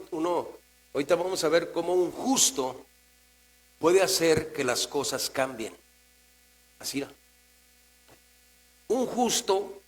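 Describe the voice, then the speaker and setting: A man with a Mexican Spanish accent preaching a sermon as pastor, talking conversationally and swinging from quiet asides to raised, emphatic lines. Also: a little high, poor audio. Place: church. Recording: mains hum in the background.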